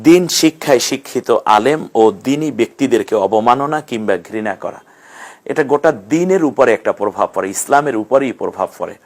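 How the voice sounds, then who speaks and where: A man's voice: medium pitch, lively intonation. A man giving a recorded reading lesson, patiently sounding out letters and syllables one by one, asking questions and answering them himself. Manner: patient, repeats each sound slowly for learners; addresses students directly, asks and answers own questions. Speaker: Quran reading teacher.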